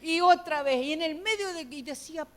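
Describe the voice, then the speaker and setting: A high-pitched woman pastor tells her story from the pulpit, her voice swinging between loud outbursts and hushed moments. Her preaching is emotional and animated, and a long reverb hangs behind every phrase in the large church hall. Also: brisk. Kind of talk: sermon testimony. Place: church sanctuary.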